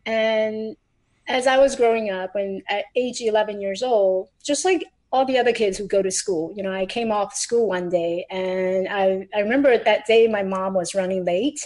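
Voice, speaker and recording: A woman's voice: medium pitch, moderate pace, darkish tone, rough recording. A middle-aged woman from Taiwan, a podcast guest, recounting her personal story earnestly, with frequent restarts.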